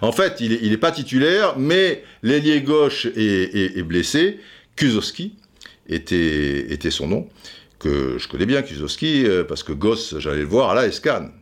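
A deep-voiced middle-aged man recounts football history in a loose, chatty way. His pitch rises and falls with lively swings, and he stumbles through repeated words and fillers as he talks straight to the listener. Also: a little slow. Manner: many stammered repeats and fillers; addresses listener familiarly. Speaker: football storyteller. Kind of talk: casual spoken storytelling.

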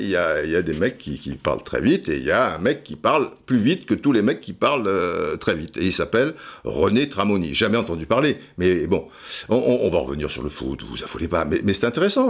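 A man hosting a podcast, telling a rambling, digressive story with many restarts and asides. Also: medium pitch. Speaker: podcast host. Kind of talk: casual storytelling monologue.

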